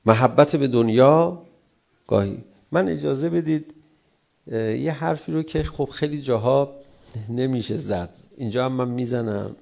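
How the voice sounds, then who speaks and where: A man's voice: mid-range voice, creaky, long pauses, darkish tone. A middle-aged man, a cleric, giving a sermon about love and anger, acting out quarrelling spouses in raised voices.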